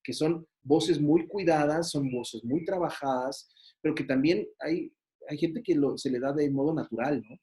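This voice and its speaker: A man's voice: a little high, a little slow, warm tone. A man with a Mexican accent lecturing a university class in a conversational way, full of fillers and rhetorical questions. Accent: Mexican Spanish. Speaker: university teacher.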